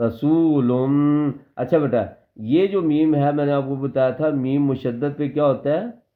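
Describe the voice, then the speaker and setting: Woman, very deep voice, patient online recitation teacher, thin phone-like sound. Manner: patient, drills words, models slow recitation. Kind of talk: online tajweed lesson.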